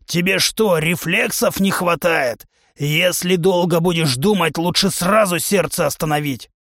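A man's voice: high voice, a little slow, fairly bright tone, no echo, clean studio sound, pitched above the performer's own voice. A man voicing a bellowing musk-ox trainer. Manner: bellowing, blustering drill-sergeant delivery. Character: huge hot-tempered male musk-ox humanoid club trainer. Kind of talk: audiobook character voice.

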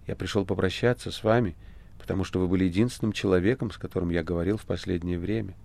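A man's voice: sits low, steady tone, fast talker, gravelly, darkish tone. A man reading the part of a weary, troubled male writer in an audiobook, his speech bitter and resigned. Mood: quiet, weary.

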